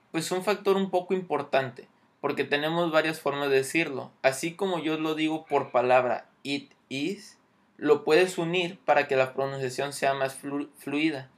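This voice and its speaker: A man teaching English grammar, explaining patiently and checking in often. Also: fairly high pitch.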